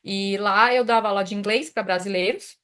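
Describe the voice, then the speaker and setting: A Brazilian woman in her thirties, an immigration consultant, is a guest in a casual interview. Her voice is medium-pitched, steady and fairly bright at normal speed, and she chats with many restarts and fillers.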